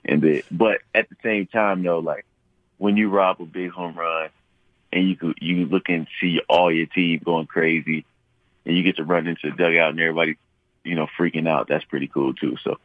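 A young man, a pro ballplayer, interviewed on the radio, talking in a relaxed, rambling way with many fillers. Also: deep voice, fairly quick, no room sound. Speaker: pro baseball player interviewee. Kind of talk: casual interview. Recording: tinny phone line.

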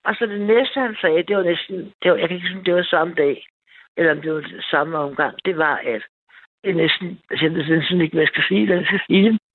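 A woman calling in to a night radio show, telling a personal story in a rambling, eager way with many restarts. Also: on the low side. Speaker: caller. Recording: tinny phone line.

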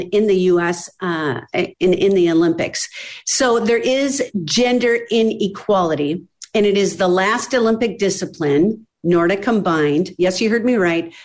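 A woman hosting a podcast, talking emphatically and rallying her listeners. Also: on the high side. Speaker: podcast host. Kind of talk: enthusiastic advocacy talk.

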